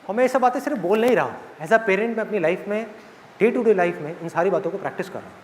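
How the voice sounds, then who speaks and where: A man giving a live motivational speech to an audience in a large hall, animated and asking rhetorical questions. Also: high voice, quick pace, a little hiss or hum. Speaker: motivational speaker. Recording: echoey hall with faint crowd.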